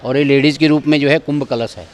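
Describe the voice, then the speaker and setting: A man's voice: fairly high pitch, fairly even intonation, brisk. A man giving a guided tour of temple grounds outdoors, directive as he keeps pointing things out to his visitors.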